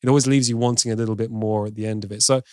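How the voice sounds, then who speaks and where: A man's voice: fairly low pitch, fairly even intonation, racing, a little mellow, clean tone, no room sound, clean studio sound. A British man co-hosting a casual film podcast, reading out trivia in long runs and laughing easily. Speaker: podcast co-host.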